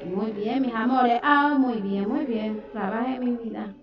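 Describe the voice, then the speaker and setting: Over a video call, a third-grade teacher from coastal Ecuador takes her time dictating in Spanish, with a fairly high pitch and a warm habit of calling the kids "mi amor" and "mi vida." Her computer mic makes the sound echoey, distant and dull, and children's chatter creates crowd noise in the background.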